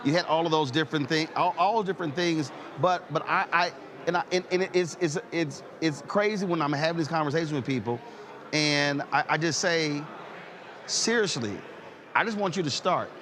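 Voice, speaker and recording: A man in his fifties hosts a talk show as a conversational interview with personal anecdotes, speaking emphatically and repeating words as he builds a point. His voice is a little high and fairly bright at a moderate pace, with a little hiss or hum.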